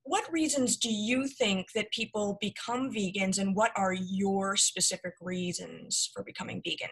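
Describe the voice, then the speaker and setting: A woman hosting an interview over a video call, friendly and quick to laugh. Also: mid-range voice, fairly bright tone, slightly rough. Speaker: interview host. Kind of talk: casual interview. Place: home room indoors.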